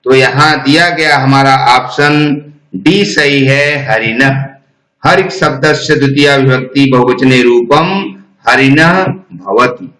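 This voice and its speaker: A man reading exam quiz questions and their answer options in a slow, deliberate recitation. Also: mid-range voice, pushed and bright, reverberant, low-quality recording. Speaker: exam prep teacher.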